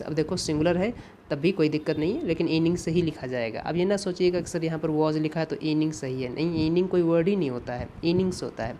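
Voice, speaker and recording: A man teaching an exam-prep English grammar lesson, explaining patiently, repeating points and often checking in with his students. He reads the English example sentences slowly and deliberately. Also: on the high side, dark tone, slight background noise. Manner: patient, repetitive, checks in with "ठीक है" and "है ना".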